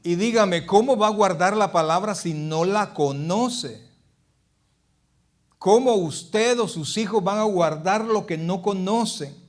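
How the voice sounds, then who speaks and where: A middle-aged pastor preaching a sermon in a church, asking the congregation questions and swinging between loud and hushed passages. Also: male voice, sits high, takes it slowly.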